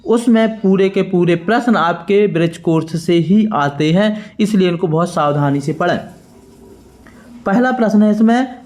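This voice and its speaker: Male schoolteacher, Madhya Pradesh accent, high voice, patient dictation. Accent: Madhya Pradesh Hindi. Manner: slow, clear dictation of words one by one. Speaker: teacher. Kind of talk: worksheet lesson for school pupils.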